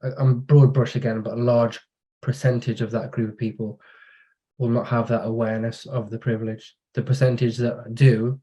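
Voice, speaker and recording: A man with a mellow, warm voice talks in a relaxed way on a podcast. He tells long stories from his working life and briefly acts out the voices of the people in them. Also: medium pitch, normal speed, highs cut off. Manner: relaxed storytelling, acts out quoted dialogue. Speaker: podcast guest. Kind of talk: casual conversation.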